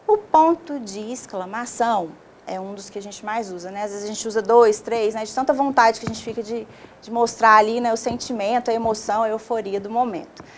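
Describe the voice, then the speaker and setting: A teacher speaks in a slightly high voice, walking through a video lesson one step at a time. She keeps checking that her students follow along. Faint ambient noise sits under her voice. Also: fairly quick. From Brazil. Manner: explains step by step with frequent "né?" checks.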